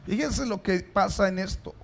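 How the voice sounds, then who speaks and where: A pastor preaching a sermon in church, asking the congregation rhetorical questions and rising to emphatic stresses. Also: male voice, sits high, moderate pace, gravelly.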